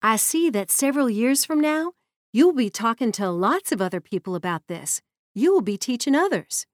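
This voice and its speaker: A woman voicing a gentle, earnest Southern mechanic who speaks in a calm, reassuring way. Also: on the high side, normal speed, no echo, studio quality, voice pushed up.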